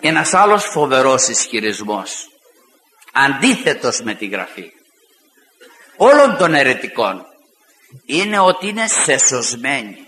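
A man preaching a fiery sermon, rising to shouts and retelling arguments with mocking asides. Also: mid-range voice, big pitch swings, long pauses. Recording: echoey hall with long reverb.

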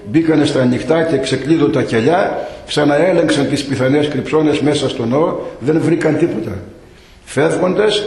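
Male storyteller guide, slightly high voice, lively delivery with asides, echoey room. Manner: lively retelling with acted quotes and asides. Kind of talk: oral storytelling to visitors.

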